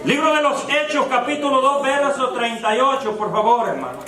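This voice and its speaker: Male preacher, very high and bright, sermon style, addresses the congregation directly, roomy far-off church sound. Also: moderate pace, a crowd in the background. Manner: keeps addressing the congregation as brothers, asks rhetorical questions. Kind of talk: evangelical sermon. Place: church sanctuary. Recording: echoey church, mic far off.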